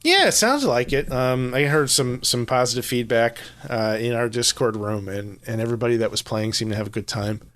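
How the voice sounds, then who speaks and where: A man's voice: mid-range voice, expressive, brisk, hardly any pauses, fairly bright tone. A tired man co-hosting a gaming podcast, rambling casually with self-deprecating humor. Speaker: podcast co-host. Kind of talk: casual chat.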